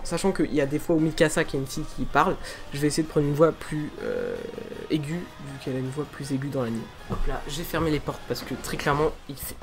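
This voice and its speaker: Un jeune homme youtubeur, bavard et autodérisoire, qui explique son doublage amateur au micro de bureau, chez lui le soir. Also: male voice, on the high side. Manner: chatty, self-deprecating, excited. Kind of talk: casual amateur dubbing vlog. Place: room at home, late at night. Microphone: desk microphone.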